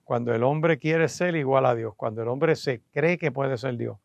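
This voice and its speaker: A man's voice: mid-range voice, no echo. A man, a pastor preaching on the radio, teaching earnestly and addressing listeners directly, with frequent "eh" fillers. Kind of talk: radio sermon.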